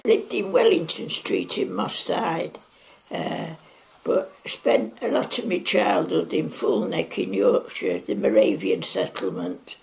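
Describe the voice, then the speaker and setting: An elderly Mancunian woman in her nineties, recorded at home on a lapel mic as she recounts her past. Her voice is gravelly and swings widely in pitch. She talks in a chatty, wandering way full of side remarks. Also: expressive, slow, darkish tone. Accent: Mancunian English. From Manchester, England. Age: 90s. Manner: chatty, rambling reminiscence with frequent asides. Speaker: interviewee. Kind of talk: oral history recollection. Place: living room at home.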